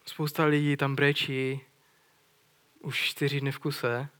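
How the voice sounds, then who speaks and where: A man's voice: mid-range voice, flat delivery, a bit bright. A man preaching a sermon in an earnest way, retelling a scripture story and putting questions to his listeners.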